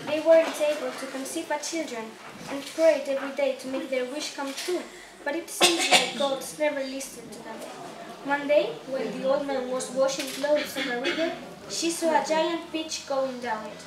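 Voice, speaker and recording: A young adult woman from Spain narrates a puppet show, reading a story aloud in a small indoor room at a day care centre. Her voice is high and her pace moderate, with crowd noise around her. A distant camera microphone captures a roomy sound, and the noise is clearly audible.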